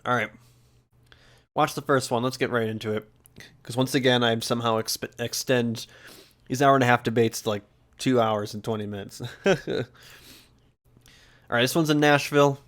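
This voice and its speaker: A man's voice: medium pitch, fairly even intonation, moderate pace, pauses often, a bit bright. Rambling casual male streamer. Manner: rambling, lots of fillers and restarts. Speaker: streamer host. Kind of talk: casual reaction commentary.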